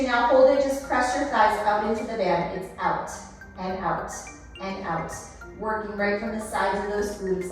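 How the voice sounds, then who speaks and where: A woman leading a workout as an aerobics-style Pilates instructor, cueing moves and counting down reps in an encouraging, instructive way. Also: a little high. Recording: echoey room, distant, music behind.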